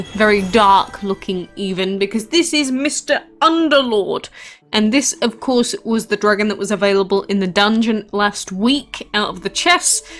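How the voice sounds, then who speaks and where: A woman's voice: medium pitch, fairly bright tone. A woman hosting a casual gameplay commentary, chatting about her game with frequent asides and fillers. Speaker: game channel host.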